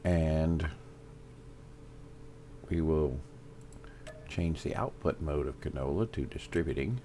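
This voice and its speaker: A man with a Southern US accent giving casual gameplay commentary, thinking aloud with fillers and pauses. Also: a bass voice, dark tone, a little hiss or hum. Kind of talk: casual let's-play commentary.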